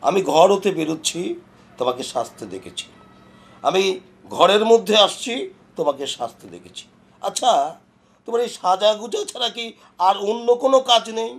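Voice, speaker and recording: Middle-aged husband, indignant, scolding, high voice, gravelly. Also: male voice, sing-song, a little fast. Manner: indignant, scolding, vain about his age. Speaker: husband in a strained marriage. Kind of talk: television drama acting.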